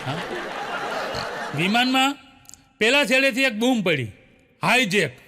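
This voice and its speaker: A man's voice: high voice, animated, normal speed, background noise. A man, telling a string of short jokes in stand-up style and chuckling as he goes. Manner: storytelling with chuckles. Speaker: comedian. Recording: long hall reverb.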